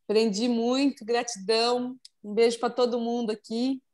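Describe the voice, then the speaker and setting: A woman leading a group conversation, thanking a participant in a relaxed, friendly way. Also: fairly high pitch, normal speed. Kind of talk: casual group chat.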